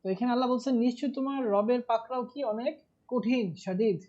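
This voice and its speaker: A man's voice: very high-pitched, fast talker, a little mellow. A man teaching Arabic grammar in a live online class, explaining patiently and stressing key words. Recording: muffled online class audio.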